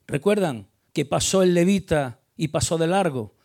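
Gravelly preacher. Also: male voice, a little high, expressive, moderate pace. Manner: emphatic, builds to loud stressed peaks then drops quiet; repeats words and restarts mid-phrase. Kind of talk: sermon on a Bible passage.

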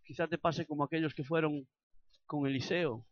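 A man with an accent from Spain preaching a sermon, building to loud impassioned passages and acted prayers. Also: fairly high pitch, fairly even intonation, moderate pace, dry recording, lo-fi sound. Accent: Spanish from Spain.

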